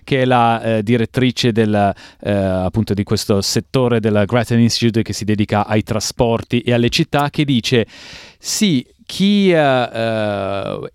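A man's voice: lowish voice, clear, resonant tone, no room sound, clean studio sound. A man from Italy hosting a radio phone-in in a conversational presenting style. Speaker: radio host. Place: radio studio. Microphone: close studio microphone.

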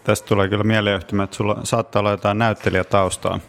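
Very deep-voiced male interviewer. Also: level tone, vocal fry, fairly bright tone. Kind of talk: interview questions.

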